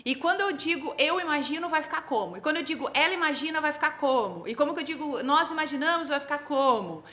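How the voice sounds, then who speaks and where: A Brazilian woman who teaches English, explaining her method in a lively, teacherly way and quizzing the host. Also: high voice, quick pace. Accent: Brazilian Portuguese. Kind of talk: explanatory interview talk.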